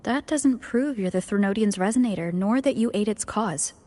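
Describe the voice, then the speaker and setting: An actress voicing a calm young woman adventurer in video game dialogue, reasoning in a level way. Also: mid-range voice, normal speed, close to an everyday voice.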